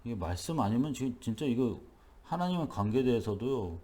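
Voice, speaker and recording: A man's voice: medium pitch, very animated, a little fast, warm tone. A man preaching a dawn worship sermon as pastor in a church, talking in an emphatic, repetitive, conversational way.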